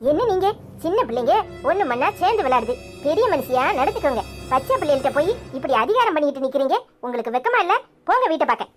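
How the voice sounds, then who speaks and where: A woman's voice: sits high, sing-song, fast talker, soft background music. A woman voicing an outspoken village woman in a cartoon who lectures indignantly, with a Tirunelveli Tamil accent. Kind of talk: cartoon voice acting.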